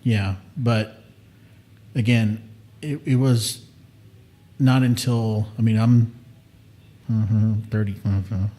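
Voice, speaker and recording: A man in his late thirties hosting a casual podcast, animated and swearing freely as he acts out his own quotes. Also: on the low side, slow pace, pauses often. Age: late 30s. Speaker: podcast host. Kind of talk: casual chat.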